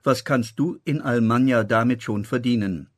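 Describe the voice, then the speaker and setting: A man's voice: mid-range voice, moderate pace, no echo, natural voice. Guy doing a nosy pot-bellied innkeeper, teasing and suspicious, storybook voice, dry sound. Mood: doubting. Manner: teasing, mock-indignant.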